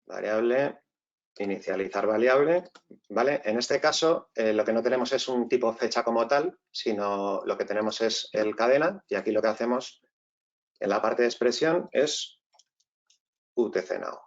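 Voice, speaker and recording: Speaking at a moderate pace in a medium-pitched voice, a man from Spain guides viewers through a tech webinar one step at a time, regularly asking if they're following. The highs in the recording are cut off.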